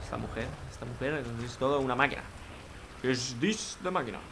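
A man's voice: medium pitch, lively intonation, fairly quick, creaky, noisy background. A young man, joking crudely and chatting casually as he plays a racing game. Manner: joking, crude, talks to himself and viewers. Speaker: gaming youtuber. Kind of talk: casual gameplay commentary.

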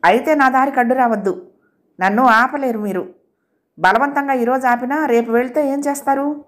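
A woman's voice: high-pitched, moderate pace, lightly acted. A woman voicing a defiant, proud young woman in a spoken audio novel, mocking and stubborn.

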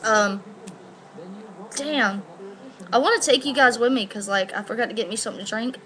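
A woman's voice: fairly high pitch, moderate pace, a bit bright. An eighteen-year-old woman chatting casually and slangily to camera, rambling and swearing, on a laptop microphone. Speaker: vlogger. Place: living room at home, indoors. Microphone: laptop built-in microphone at arm's length.

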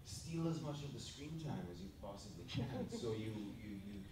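A man's voice: mid-range voice, animated, moderate pace. A middle-aged man from Jamaica, talking casually and reflectively on a convention panel, speaking into a handheld mic. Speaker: convention panel guest actor. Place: large carpeted convention room, indoors. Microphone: handheld mic, far camera. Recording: echoey room, distant mic, background noise.

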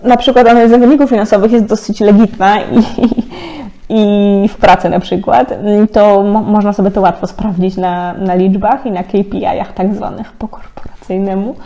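A woman in her thirties giving a casual, chatty card reading, often laughing and filling pauses. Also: medium pitch, steady tone, dark tone. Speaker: tarot card reader.

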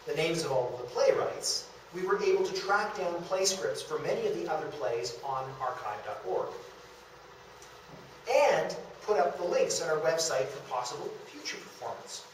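At normal speed and with lively intonation, a young man with a high-leaning voice presents a prepared local theatre history lecture at a meeting-room podium. The distant camera microphone leaves the sound echoey and hissy.

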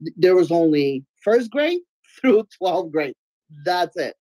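In a casual interview, a guest artist from Belarus speaks slowly with a fairly low, slightly nasal voice; Russian is her first language. She's giggly, expressive and now and then loud. She joins via webcam on a video call from a room in her home, and there's no room sound.

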